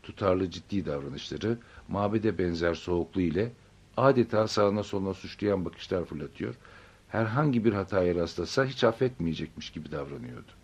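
Male audiobook narrator, low and husky, steady measured storytelling. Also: lo-fi sound.

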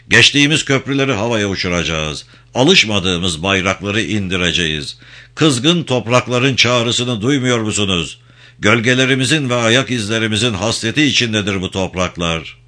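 A man voicing a stern, domineering male guerrilla commander who shouts orders and slogans at his fighters in an audiobook. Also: fairly low pitch.

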